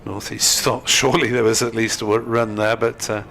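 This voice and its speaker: A man giving live cricket commentary in a measured, hesitant, dryly humorous manner. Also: lowish voice, little pitch movement, creaky, a bit bright, slight background noise.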